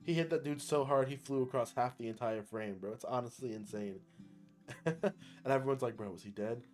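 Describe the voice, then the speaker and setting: A young man giving an excitable, slangy anime recap, often laughing as he talks. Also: mid-range voice, normal speed, faint music behind. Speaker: anime reviewer. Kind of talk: casual recap commentary.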